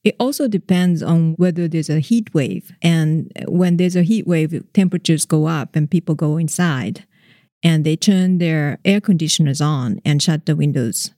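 A reporter guest on a news podcast, explaining the facts in a measured way with small hesitations. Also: medium pitch, mellow, no echo, clean studio sound.

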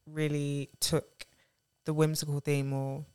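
Clear-voiced young woman. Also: low-pitched, level tone, takes it slowly, mellow. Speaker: podcast co-host. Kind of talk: casual chat.

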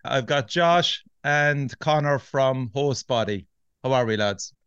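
A man with an Irish accent hosts a casual podcast in a clear, smooth, mid-pitched voice. He sounds matey and keen. The recording is dry and slightly dull. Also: expressive, slow pace, a bit bright, no echo. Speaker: podcast host.

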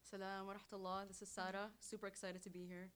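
A woman's voice: mid-range voice, fast, smooth. A young woman from Syria, a podcast guest, telling stories animatedly and acting out what others said. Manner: animated storytelling, quoting others. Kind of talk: casual podcast chat. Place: studio.

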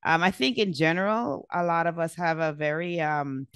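Brief: woman interview host, enthusiastic, lower smooth voice, dry close sound. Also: moderate pace, no room sound. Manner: enthusiastic, affirming. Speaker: podcast host. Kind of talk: interview hosting.

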